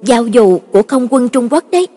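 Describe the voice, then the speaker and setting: A woman reading an impatient sharp young woman. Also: fairly high pitch, expressive. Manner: quick, pointed, at times gentle. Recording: reverberant, with soft background music.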